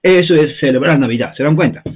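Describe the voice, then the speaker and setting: A man's voice: a little high, quick pace, breathy edge. A man giving an informal history lesson in a chatty way, often repeating himself and checking in with his listeners. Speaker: history teacher. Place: lives in the United States. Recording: tinny phone-like sound.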